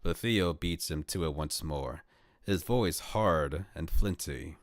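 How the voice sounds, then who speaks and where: A young man with a very deep, low voice reads a visual novel aloud in the first person as a VTuber streamer. He speaks slowly, calmly and evenly, close to a home desk mic, and the recording is dry and dead.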